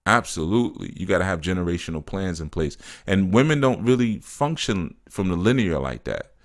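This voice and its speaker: A man's voice: low voice, animated, a little fast. A man talking casually on a live stream, reading viewers' comments aloud and answering them, often laughing and saying "you know" and "man". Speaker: spiritual teacher answering live chat.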